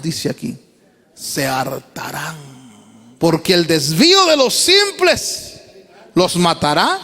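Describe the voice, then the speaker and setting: A man preaching a sermon as pastor, animated, rising to high emphatic calls and repeated refrains. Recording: reverberant church hall.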